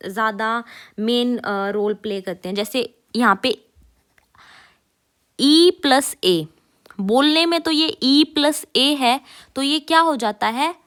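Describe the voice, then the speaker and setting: Brief: female teacher, unhurried, slightly high voice, repeats sounds for learners. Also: a bit bright. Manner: repeats each sound slowly and clearly for learners. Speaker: German teacher. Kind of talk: casual spoken lesson.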